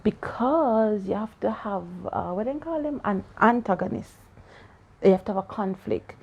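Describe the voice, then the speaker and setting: Medium in pitch and moderate in pace, this woman's voice comes through lo-fi with a faint hiss or hum. She's an aunt in a relaxed post-story talk with a child, posing questions, laughing frequently and teasing the child about their answers.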